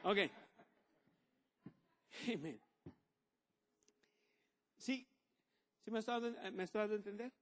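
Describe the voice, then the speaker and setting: A male pastor, preaching a sermon with lively call-and-response to the congregation. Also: high voice, slow pace, pauses often.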